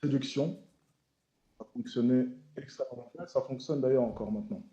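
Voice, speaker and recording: A man who makes social media content, giving measured, formal answers at a hearing and repeating key phrases for emphasis. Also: medium pitch, warm tone, lo-fi sound.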